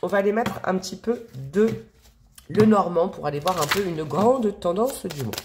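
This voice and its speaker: A woman's voice: lowish voice, animated, moderate pace, background noise. A woman giving a casual tarot reading to camera. She is chatty and affectionate, fills her talk with asides and fillers, and sounds a little sniffly from allergies. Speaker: tarot reader.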